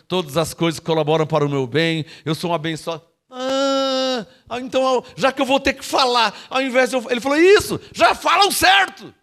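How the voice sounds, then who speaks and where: A Brazilian man preaching in a high, bright register with wide swings in pitch. He delivers the sermon emphatically and keeps calling on the congregation to answer. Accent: Brazilian Portuguese. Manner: emphatic, calls on the congregation for responses. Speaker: pastor.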